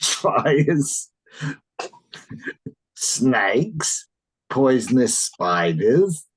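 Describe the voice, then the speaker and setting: A teacher running an online English class for children over a video call, animated and encouraging, often exclaiming in surprise. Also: medium pitch, drawn-out words, husky, poor audio.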